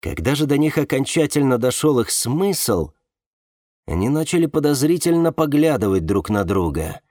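Audiobook narrator, male, mid pitch, lively intonation, dry close sound. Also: moderate pace, no room sound. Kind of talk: scripted narration.

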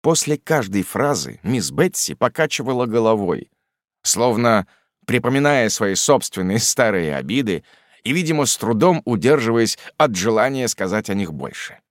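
A man narrating a classic novel as an audiobook in a measured, expressive storytelling manner. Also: on the low side, no echo, clean studio sound.

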